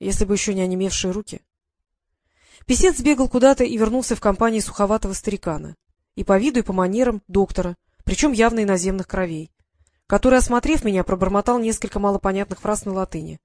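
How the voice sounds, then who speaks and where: An audiobook narrator reading a first-person historical story in a calm, measured way. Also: medium pitch, dry recording, clean studio sound. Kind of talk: scripted narration.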